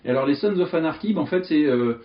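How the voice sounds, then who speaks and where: A man teaching memory techniques in an animated, jokey way, telling vivid picture stories. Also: on the high side, fast, reverberant, highs cut off. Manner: lively, animated, jokey storytelling with vivid images. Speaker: memory coach. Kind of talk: explanatory teaching monologue.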